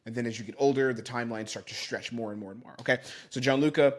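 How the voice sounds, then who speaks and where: A man in his thirties, a sales coach giving commentary on a recorded sales call in a quick, run-on coaching manner. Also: mid-range voice, fairly even intonation. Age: 30s.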